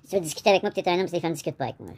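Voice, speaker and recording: A high, darkish voice with lively intonation races along very fast in this casual vlog. The man speaks with a Québécois French accent, rambles, addresses the viewer directly, and fills his speech with "là."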